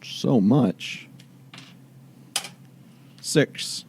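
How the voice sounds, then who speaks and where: A man's voice: medium pitch, lively intonation, drawn-out words, gravelly, a little mellow, slight background noise. A man playing a tabletop game, chatty and thinking his moves through aloud with many fillers. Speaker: player. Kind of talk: casual tabletop game play.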